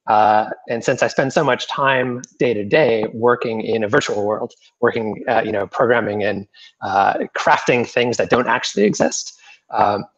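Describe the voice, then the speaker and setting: Guy rambling about his start, lots of uhs, lo-fi muffled audio, middle pitch. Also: steady tone, moderate pace. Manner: hesitant, full of uh and um. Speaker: programmer. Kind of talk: casual storytelling on a group video chat.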